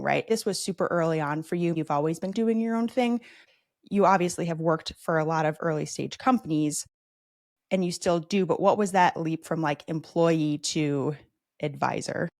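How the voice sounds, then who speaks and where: Low-voiced upbeat woman host. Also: darkish tone, no echo, clean studio sound. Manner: upbeat, enthusiastic, many "super" and "right?". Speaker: podcast host. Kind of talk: interview introduction and questions.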